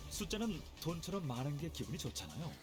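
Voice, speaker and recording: Brief: a breezy male researcher, rapid and animated, casual and teasing. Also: on the high side, husky. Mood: amused.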